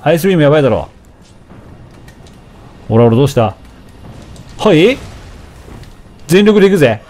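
A man giving casual, animated commentary while playing a game, often taunting enemies and shouting at the screen. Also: on the high side, normal speed, soft background music. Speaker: let's play commentator.

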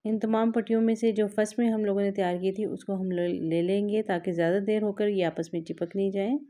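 This woman's voice is mid-range and dark, steady in tone and fairly quick. She is a cooking vlog host patiently teaching a recipe in stages at her home kitchen counter, explaining each step as she works.

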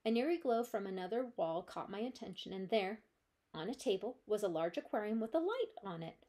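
A woman librarian reading a children's chapter book aloud with gentle, steady storytelling. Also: medium pitch, brisk.

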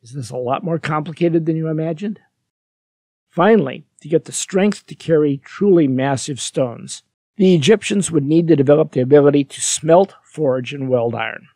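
A man narrating a scripted history lesson, steady and explanatory, with lighthearted dry asides to the viewer. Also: a little high, no room sound.

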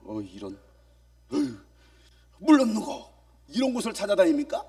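A male pastor preaching to a youth gathering, swinging from shouts to hushed asides and firing questions at the congregation. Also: sits high, huge pitch swings, normal speed, gravelly, recorded from a distance. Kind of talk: sermon. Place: church youth meeting hall.

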